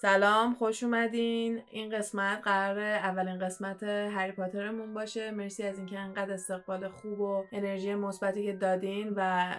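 A young woman co-hosting a casual podcast, talking quickly with lots of fillers and restarts. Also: medium pitch, level tone, a bit bright, a little hiss or hum. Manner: chatty, fast, many fillers and restarts. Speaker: podcast co-host.

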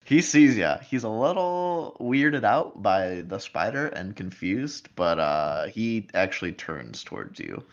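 A man's voice: lowish voice, big pitch swings, slow pace, muffled recording. A man narrating a tabletop game as game master, rambling with lots of fillers and restarts.

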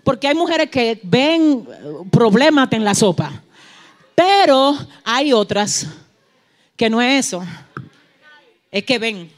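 Fervent high-voiced woman preacher. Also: big pitch swings, takes it slowly, long pauses. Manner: swings from soft asides to shouted, fervent peaks; acts out dialogue in quoted voices. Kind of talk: Pentecostal-style sermon.

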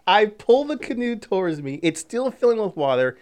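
A middle-aged man in a relaxed conversational podcast, spinning a story with a lively voice. His pitch swings widely as he talks, and he slips into acted shouts and voices for the people in his tale. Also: normal speed. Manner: animated storyteller, acts out shouting and voices in the telling. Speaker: podcast co-host. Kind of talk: casual storytelling chat.

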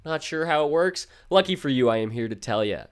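A man voicing an eager, cheesy infomercial pitchman with a salesy, exaggerated delivery. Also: lively intonation, fairly quick, clean tone, close to an everyday voice.

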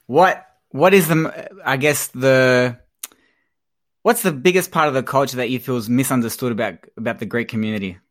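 A man's voice: medium pitch, normal speed. Laid back guy co-host, kinda hesitant when asking stuff. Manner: easygoing, hesitant questions. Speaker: podcast co-host. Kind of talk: casual interview.

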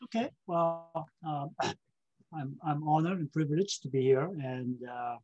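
A South Korean man, a state government official, speaks English as a guest in a casual interview. His fairly high, slightly mellow voice is unhurried and the audio dull. He ends points with tag questions like "okay" and "right," with frequent filler uhs and repeated words.

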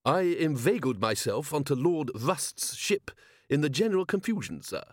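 Man doing a fussy proper butler, polite sir-every-line manner, lively pitch, dry close sound. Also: dry recording. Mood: prim. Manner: formal, fastidious, deferential. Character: prim devoted male butler.

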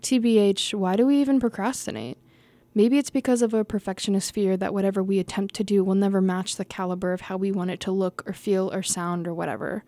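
A young woman reads her own essay aloud at an even, middling pitch, her tone dark and mellow. The recording is close and dry. She sounds casual and easygoing, restarting lines and laughing at her own stumbles. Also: brisk, hardly any pauses, no room sound. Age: young adult. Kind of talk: reading an essay aloud with unscripted asides.

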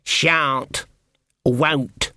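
A man's voice: mid-range voice, fairly even intonation, drawn-out words, bright, forceful tone, no echo, clean studio sound, heavily acted. A man reading a story aloud, putting on the voice of a stubborn, fierce old witch with blunt rustic speech. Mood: defiant. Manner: gruff rustic speech, dropped grammar.

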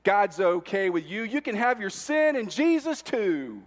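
A smug, breezy false prophet drawls comfort in folksy slang, as a preacher mimics him in a sermon. The voice climbs high and loud above his usual talk and rings through a reverberant church hall. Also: very animated, a little slow. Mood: reassuring. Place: large church.

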